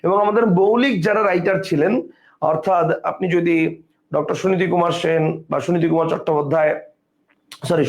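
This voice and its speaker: A man teaching an exam-prep grammar lesson. He explains step by step, asks and answers his own questions and mixes in English words. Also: high-pitched.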